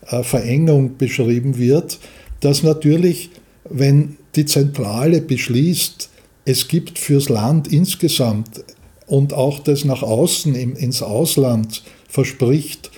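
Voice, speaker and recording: A man's voice: medium pitch, a little slow, warm tone. A man in his seventies with an Austrian accent, answering as a studio guest, hesitant, with many fillers and restarts. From Austria, Vienna. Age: 70s. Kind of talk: interview answers.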